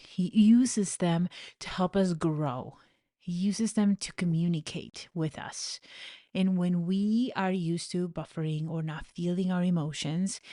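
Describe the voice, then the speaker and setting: A pregnant Venezuelan woman in her thirties hosts a faith-based coaching podcast, speaking earnestly and from the heart with soft laughs. As a life coach, she offers personal, reflective talk in a fairly low voice, captured in clean studio sound with no echo.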